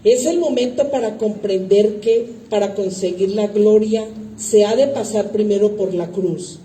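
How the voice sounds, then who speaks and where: A woman giving a solemn, measured devotional reading as a liturgical reader. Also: medium pitch, dark tone. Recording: echoey hall, distant mic, faint noise.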